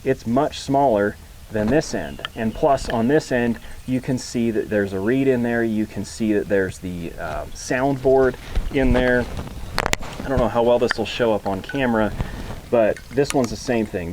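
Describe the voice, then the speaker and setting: A man's voice: mid-range voice, a little mellow, slight background noise. A man giving a casual hands-on tutorial as an instructor, speaking in a plain, folksy, informal way. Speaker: instructor, duck hunter.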